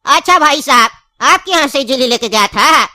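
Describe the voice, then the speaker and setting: A woman's voice: sits high, animated, normal speed, bright, forceful tone, no echo, heavily acted. A woman voicing a scheming, insistent old grandfather in a cartoon, speaking with a tinge in a pleading, long-winded way. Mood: coaxing.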